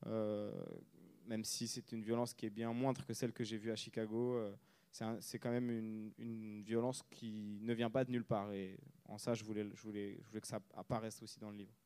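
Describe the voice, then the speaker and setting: In an interview, a Frenchman, an author and onetime reporter, gives considered, measured answers with frequent pauses while he hunts for words. He has a lowish, level voice that sounds mellow, clear and resonant.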